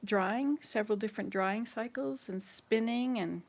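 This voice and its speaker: With a slightly high voice at a moderate pace, a woman in her sixties vlogs from her home, chatting loosely as she moves through her housework.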